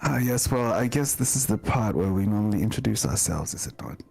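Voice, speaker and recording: Courteous awkward lord type guy acting, kinda formal n hesitant, pitch moves a lot, fantasy rpg. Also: animated, brisk, creaky, a little mellow, breathy edge, faint music behind, full character voice. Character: polite, awkward lordly man with childhood toy companion.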